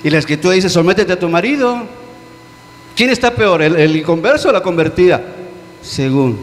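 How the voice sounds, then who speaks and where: High-voiced pastor preaching. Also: male voice, expressive, moderate pace. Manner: earnest, questioning, dropping low on key words. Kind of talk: sermon. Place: church hall. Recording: long church-hall reverb with faint hum.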